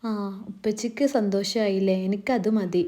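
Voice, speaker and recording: A woman voicing a meek young bride who speaks softly and sounds quietly hurt, in a storytelling reading. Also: medium pitch, normal speed, lightly acted. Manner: soft, meek.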